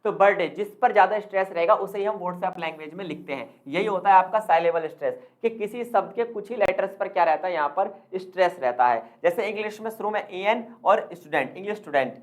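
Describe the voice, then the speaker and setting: A man's voice: high-pitched, fast talker, hardly any pauses. A man tutoring for an exam in an explanatory lecture, who keeps asking the viewers questions, answers them himself and mixes in English terms. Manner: addresses the viewers as friends.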